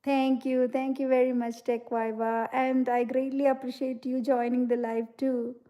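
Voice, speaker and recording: A woman's voice: high-pitched, little pitch movement, normal speed, dark tone. A woman from India, hosting a casual livestream. She speaks earnestly and reflectively, with many "you know" fillers, and reads out and answers viewer comments. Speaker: livestream host.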